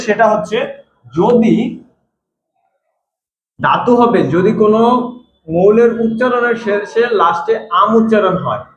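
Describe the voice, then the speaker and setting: A man teaching chemistry in a classroom lecture, repeating key points and asking the class questions. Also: high voice. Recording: echoey room, dull lo-fi sound.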